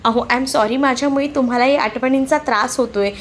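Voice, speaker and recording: Woman reading as a gentle young wife. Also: high-pitched, steady tone, fairly quick, slight background noise, natural voice.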